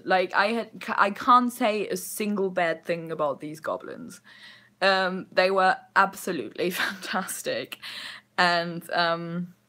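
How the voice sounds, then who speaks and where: A young woman vlogger tells stories casually and ramblingly, full of fillers and frequent giggles. Her voice is on the low side with a fairly bright tone, and she laughs often as she goes.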